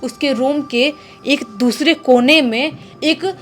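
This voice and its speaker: A woman's voice: high voice, slow pace, faint music behind. A woman telling a true horror story in a chatty, casual way, often repeating words for effect.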